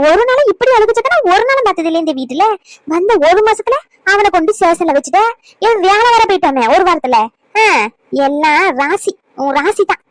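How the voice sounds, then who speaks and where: A woman's voice: extremely high pitch, no echo, poor audio. Woman playing a nosy, scolding neighbour. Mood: accusing. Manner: scolding, prying, rapid questions.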